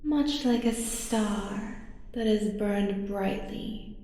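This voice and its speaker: In a scripted ASMR audio roleplay, a woman with a medium-pitched voice plays an ancient, cruelly manipulative dark entity, gloating with menace. She speaks slowly and deliberately, savouring every threat and sometimes dropping to a whisper, with long cavernous reverb and faint music behind her.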